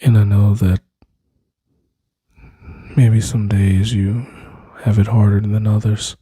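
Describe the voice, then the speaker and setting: A man speaking slowly and intimately into a close mic, soothing and reassuring, often dropping to a whisper. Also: lowish voice, little pitch movement, warm tone, slightly rough, no echo. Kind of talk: soft-spoken ASMR comfort roleplay.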